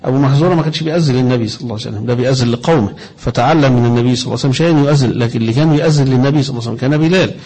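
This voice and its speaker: A man with an Egyptian accent explaining hadith in a religious lesson, reciting quoted phrases slowly and deliberately. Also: mid-range voice, darkish tone, breathy edge. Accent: Egyptian Arabic. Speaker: religious teacher.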